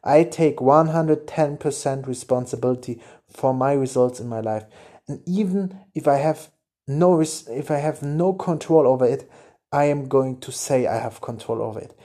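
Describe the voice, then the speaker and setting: Guy on his podcast rambling thru dating advice, warm low-key voice, keeps correcting himself. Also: normal speed. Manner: rambling, blunt, frequent self-corrections. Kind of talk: casual motivational monologue.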